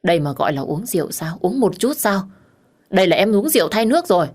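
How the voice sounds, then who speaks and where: A woman's voice: lowish voice, fast talker, close to an everyday voice. A woman doing a firm, scolding ex-lover man. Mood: insistent. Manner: insistent, scolding. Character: man, protective former lover.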